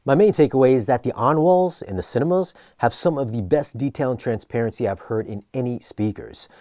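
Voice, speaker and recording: A man narrating an equipment review in a conversational but scripted, measured, explanatory way. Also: mid-range voice, warm tone, dry recording, studio quality, soft background music.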